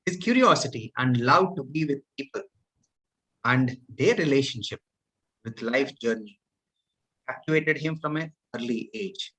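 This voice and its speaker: A man's voice: medium pitch, lively intonation, a little slow, pauses often, a bit bright, poor audio. A male host formally introducing and interviewing a coach, polite with some hesitations. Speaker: podcast host. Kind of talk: hosting an interview.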